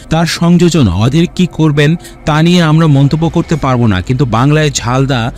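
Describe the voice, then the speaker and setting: A man reading a scripted news voice-over in an even, reading tone. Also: a little high. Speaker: news narrator.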